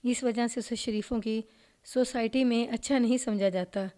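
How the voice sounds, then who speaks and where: A woman narrating a police crime story in a steady, measured reading voice. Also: on the high side.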